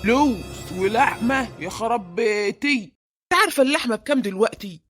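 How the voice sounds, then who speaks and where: A woman's voice: a little high, lively intonation, a little fast, a bit bright, soft background music. A woman voicing a stingy, grumbling middle-aged husband in an Egyptian cartoon, with an Egyptian accent and a scolding, exasperated way of talking. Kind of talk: cartoon voice acting.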